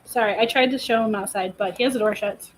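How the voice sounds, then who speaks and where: A woman's voice: medium pitch, quick pace, slight background noise, low-quality recording. A woman co-hosting a live stream, chatty and easygoing as she runs the camera. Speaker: co-host running the camera. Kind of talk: casual live-stream chat.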